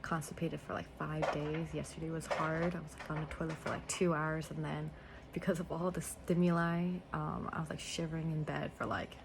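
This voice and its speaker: Young woman vlogger, low gravelly voice, soft and near-whispered delivery, noisy home recording. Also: flat delivery, fairly quick. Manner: soft, low-key, filler-heavy, sometimes near a whisper. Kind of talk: casual vlog narration.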